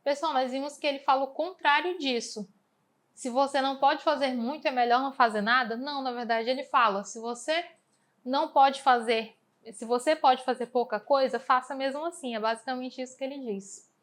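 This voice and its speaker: A woman's voice: high-pitched, fairly quick, fairly bright tone. A woman English teacher with a Brazilian Portuguese accent, explaining exam answers patiently and asking and answering her own questions.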